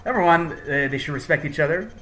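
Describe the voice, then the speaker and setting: A man's voice: a little high, lively intonation, quick pace, sharp tone, soft background music, rough recording. A man hosting a podcast in a casual, jokey, hyped-up chatting style. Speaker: podcast host. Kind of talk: casual chat.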